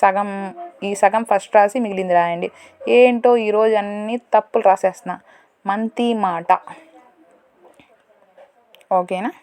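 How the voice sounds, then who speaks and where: A woman teacher works through a crossword in a casual lesson, thinking aloud slowly and deliberately and correcting herself along the way. Her voice is medium-pitched with a darkish, clean tone.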